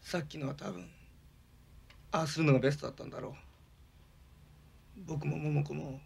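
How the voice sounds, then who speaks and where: An actor playing an anxious, lovestruck young man who talks haltingly, full of nervous fillers, in a TV drama. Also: on the high side, steady tone, creaky, breathy edge, full character voice. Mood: subdued. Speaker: lead character in a TV drama. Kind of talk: TV drama acting.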